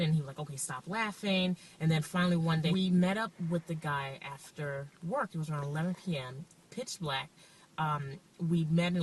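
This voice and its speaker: Woman, 30s, low register, hesitant interview subject; distant mic, faint music bed. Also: slight background noise. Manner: hesitant, many ums. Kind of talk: documentary interview.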